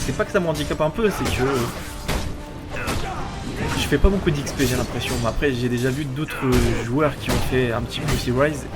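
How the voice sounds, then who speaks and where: A man giving casual, explanatory video game commentary, often asking questions and answering them himself. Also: mid-range voice. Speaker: let's player. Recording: loud game music behind.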